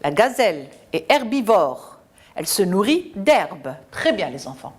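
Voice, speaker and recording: A woman teacher giving a slow, deliberate phonics lesson to children, spelling out letters and syllables. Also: medium pitch, sing-song, slightly rough.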